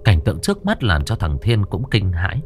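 Male ghost-story narrator with a low, animated delivery over soft music. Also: fairly quick. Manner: lively dramatic storytelling.

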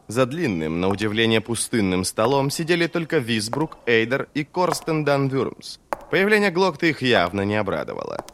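A man narrating an audiobook in a measured, expressive reading. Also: mid-range voice, a little hiss or hum. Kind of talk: scripted narration.

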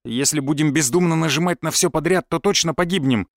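A man voicing a wary fellow prisoner who speaks in a hushed, confiding way. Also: a little high, a little fast, no echo, clean studio sound, close to an everyday voice.

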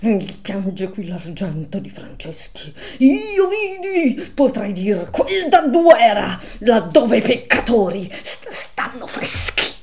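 A woman voicing a weeping, furious damned traitor frozen in ice, crying out shrill and sobbing, then snarling. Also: sing-song, takes it slowly, few pauses, a little mellow. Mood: mocking.

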